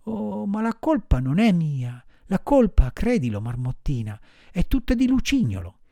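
A man's voice: high voice, very animated, measured pace, vocal fry, mellow, dry recording, studio quality, pitched above the performer's own voice, heavily acted. A man voicing a wooden puppet boy in an audiobook, wailing and pleading in despair.

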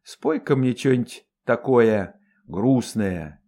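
A gruff, domineering young noblewoman, as a man reading a story puts her on, barking orders and scolding her maid. The voice is loud and lively, coarse and commanding. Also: mid-range voice, normal speed, lightly acted.

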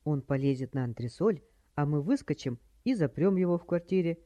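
A narrator voicing a quick-thinking boy hero who gives orders in an urgent, hushed way. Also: medium pitch, animated, close to an everyday voice.

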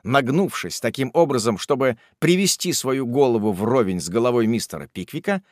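A man narrating a classic novel as an audiobook, in an animated, theatrical storytelling manner. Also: mid-range voice, dry recording, clean studio sound.

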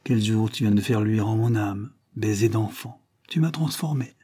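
A tearful old tramp speaks haltingly and tenderly, his husky voice dark and soft, as a male reader plays him. A storybook character, stirred to the core. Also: fairly low pitch. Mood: moved. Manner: halting, emotional.

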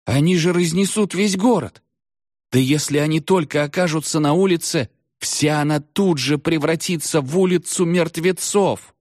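A frantic boy wailing in a high, strained voice, as a man acts him out in a storybook. The pitch swoops widely, recorded dry and close. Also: lively intonation, slow, mellow, husky, no echo, full character voice. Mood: panicky. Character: panicky boy yelling at his friend.

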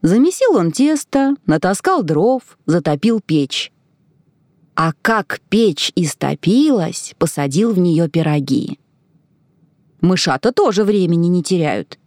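A woman narrating a children's fairy tale with expressive storytelling. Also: on the low side, slow, no echo, clean studio sound.

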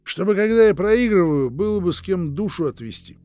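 A man voicing a reckless, excitable French drunk who shouts and blusters in a storybook reading. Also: high voice, brisk, soft background music, voice pushed up. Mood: wistful.

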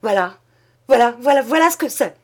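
A woman's voice: on the low side, very slow, fairly bright tone, exaggerated voice. Brief: woman doing a pale little clerk, stammering and overwrought. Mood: frantic. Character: small pale bald male clerk, frantic.

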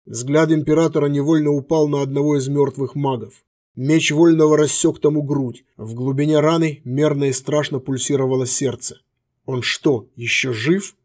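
A man narrating a fantasy audiobook in a steady, measured way. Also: mid-range voice.

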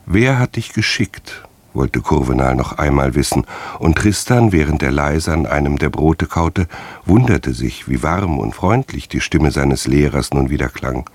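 A man with a very deep voice narrates a radio story, measured and steady. The recording is dry and close, with no room sound. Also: dry recording.

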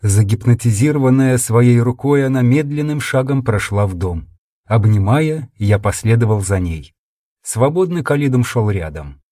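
A man's voice: mid-range voice, expressive, normal speed, mellow, no room sound, clean studio sound. A man reading a first-person sci-fi audiobook in an intense, dramatic storytelling manner. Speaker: audiobook narrator.

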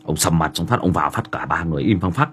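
His voice sits low and sounds animated as this livestream host talks fast through a family story, rambling casually with lots of filler words. He has a Northern Vietnamese accent, and there's a little hiss or hum behind him.

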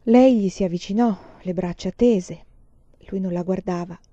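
A woman reads a novel aloud at a calm, measured pace. Her voice is warm and mellow, recorded close and dry, with a slightly dull, lo-fi sound. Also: mid-range voice, no room sound. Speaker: reader. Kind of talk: storybook narration.

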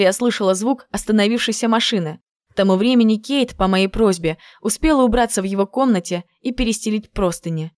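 A woman reading a first-person audiobook in an emotive, measured way. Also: mid-range voice, a little mellow, dry recording, clean studio sound. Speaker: audiobook narrator. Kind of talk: first-person scripted narration.

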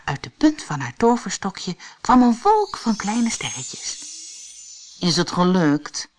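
A Dutch woman narrating a children's fairy tale at a slow, deliberate pace. Her reading has a lively, rising and falling melody that suits a bedtime story. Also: a little high, husky. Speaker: audiobook reader.

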